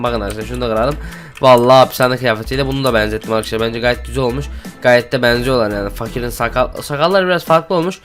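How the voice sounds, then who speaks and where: Man, gaming host, Minecraft commentary, excitable, very fast talker, faint background music. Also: medium pitch. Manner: excitable, addresses viewers constantly.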